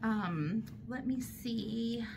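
A middle-aged woman chatting casually about her crochet project from a hospital bed, unhurried and laughing at herself. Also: a little high, creaky, noisy background. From United States. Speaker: crochet vlogger. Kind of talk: casual show-and-tell chat. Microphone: fixed camera in front.

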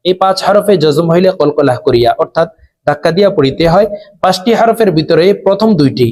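Patient man teaching recitation slowly. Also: fairly high pitch, expressive, a little mellow. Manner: spells letters slowly and patiently, drawing out long recited vowels. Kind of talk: step-by-step recitation lesson.

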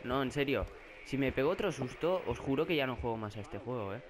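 Talking a little fast in an animated, mid-range voice, a young man from Spain provides let's play commentary on a horror game for his YouTube channel. He's jumpy, swearing and yelling out when scared; his Spanish accent comes through over crowd noise and faint background noise.

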